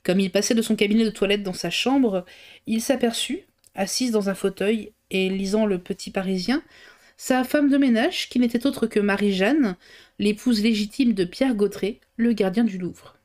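A woman reading an old novel aloud on a livestream. Her narration is steady, at a middling pitch, with a stumble and a correction here and there. The voice stays even and attentive to the text. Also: normal speed. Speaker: reader.

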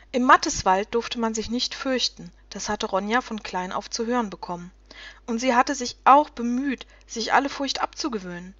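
A woman's voice: a little high, no room sound. Woman reading a children's book aloud. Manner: expressive, dramatic storytelling. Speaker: reader. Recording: dull, dry home recording.

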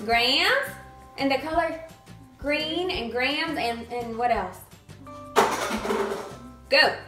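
Young woman host, bright, slow and patient teacherly delivery, echoey room. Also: high voice, expressive, faint music behind. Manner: encouraging, repeats answers and prompts slowly. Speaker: host quizzing a child on letters. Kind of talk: teacherly kids' channel chat. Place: indoor home studio with green screen.

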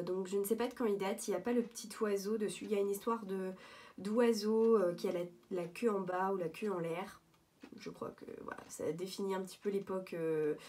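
Mellow-voiced woman chatting casually. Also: medium pitch. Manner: chatty, hesitant with many fillers and restarts. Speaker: vlogger showing thrift finds. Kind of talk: casual show-and-tell vlog. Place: at home, indoors.

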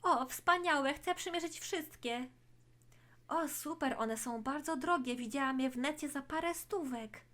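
Pushy, wheedling twin sisters out to rob a shop, greedy and scheming, voiced in a high register, as a woman puts them on for a toy play story. They hurry the shopkeeper along and demand to see everything. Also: a little slow, a bit bright.

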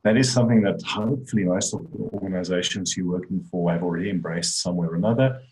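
A middle-aged South African man, a conference speaker on AI, gives an online talk with slides from an indoor room on a webcam. He speaks conversationally and fast, with many restarts and fillers, in a low-pitched, darkish voice. The audio is poor.

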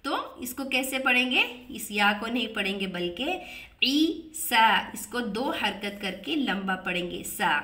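A woman teaching Quran recitation rules, patiently explaining and drawing out example words slowly. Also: fairly high pitch, bright, forceful tone, echoey room, distant mic. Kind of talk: explaining Tajweed rules to students.

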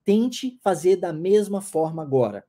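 A man with a Brazilian Portuguese accent teaching English, modeling phrases slowly for students to repeat and explaining intonation. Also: high-pitched, animated, warm tone. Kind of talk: language lesson with repetition drills.

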